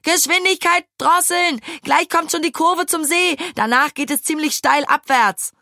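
A woman voicing a bossy young girl who leads her friends and shouts commands, in a storybook reading. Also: mid-range voice, moderate pace, no echo, studio quality, close to an everyday voice. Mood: panicked.

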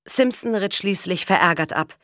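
A woman narrating an audiobook in a steady, measured reading. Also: mid-range voice, no room sound, studio quality.

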